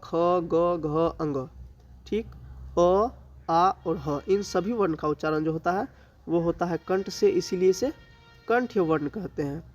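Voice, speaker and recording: A male teacher with a Bihari accent giving an exam-prep grammar lesson, listing items slowly and answering his own questions. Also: high voice, darkish tone, dull audio. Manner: slow, drawn-out listing with rhetorical questions he answers himself.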